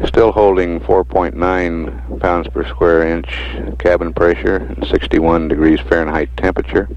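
A man giving measured mission status commentary over a radio transmission, pausing often on fillers. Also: low voice, fairly even intonation, a little mellow, slight background noise. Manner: measured, with frequent hesitant fillers. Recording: muffled archival radio recording.

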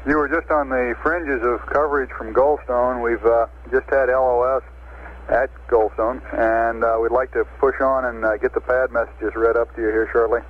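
American mission controller on tinny radio. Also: male voice, medium pitch, level tone, moderate pace. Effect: radio transmission. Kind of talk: procedural radio communication. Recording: tinny, hissy 1960s radio link. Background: static and radio beeps.

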